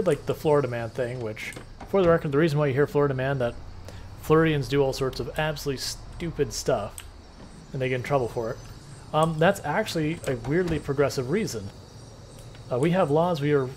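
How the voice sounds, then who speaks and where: A man's voice: on the high side, darkish tone, a little hiss or hum. A man casually chatting and joking while he livestreams a video game. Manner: rambling, joking, conversational. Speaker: game streamer. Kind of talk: casual chat while gaming.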